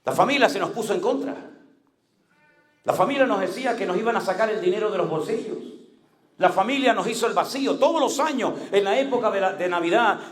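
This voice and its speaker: A man with a high voice and a Canary Islands Spanish accent preaches a sermon. He moves from loud, raised calls to quiet, low-pitched asides. His delivery is dramatic, with sudden changes in loudness. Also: expressive, brisk, roomy sound. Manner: dramatic, swings from loud high cries to low hushed tones. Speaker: pastor.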